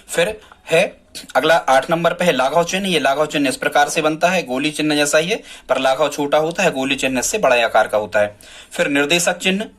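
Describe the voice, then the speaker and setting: Brief: male teacher, a little high-pitched, patient classroom explainer. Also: a bit bright. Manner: addresses students often, repeats key answers. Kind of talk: grammar lesson.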